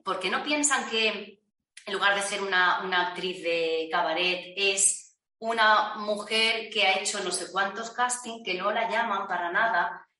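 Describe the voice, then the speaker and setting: Woman from talking about teaching, crisp bright tone, bit far off in an echoey room. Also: mid-range voice. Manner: reflective, with frequent fillers and restarts. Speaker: Spanish teacher and actress. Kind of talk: conversational discussion. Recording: roomy echo, distant from mic.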